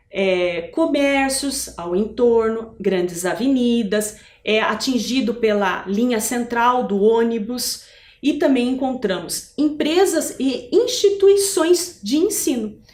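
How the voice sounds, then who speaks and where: A woman's voice: high voice, a little mellow. A Brazilian woman from Curitiba teaching a video lesson to schoolchildren, explaining step by step and asking rhetorical questions. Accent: Brazilian Portuguese, Curitiba. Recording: echoey room.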